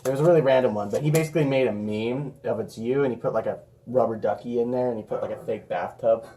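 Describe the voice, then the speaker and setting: A man in rambling, slangy casual chat, quick to laugh. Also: mid-range voice, dark tone. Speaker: card game player.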